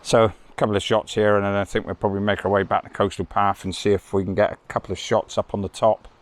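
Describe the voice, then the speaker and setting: A landscape photographer narrating his outing in a rambling, halting way, talking outdoors on a beach and up on coastal cliffs. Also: fairly low pitch, flat delivery. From United Kingdom. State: out of breath. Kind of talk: casual vlog narration.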